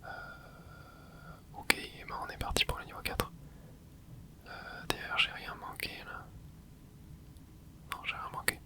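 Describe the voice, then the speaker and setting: Slowly and with long pauses, the ASMR creator whispers soft, unvoiced remarks as she plays a video game, rambling and tentative, often using fillers and beginning sentences again.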